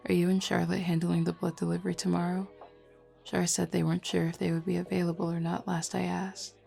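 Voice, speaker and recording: In a roleplay audio drama, a woman voices a flirty, confident werewolf pack beta, speaking to the listener in a casual, teasing way. Her voice is lowish, warm and creaky, with a flat, slightly fast delivery and a calm, explanatory mood, set over a lo-fi music bed.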